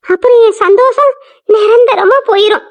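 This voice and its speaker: A woman with an extremely high voice, speaking at normal speed, plays a mistreated, grieving young bride in a cartoon drama. She cries and pleads in a tearful tone.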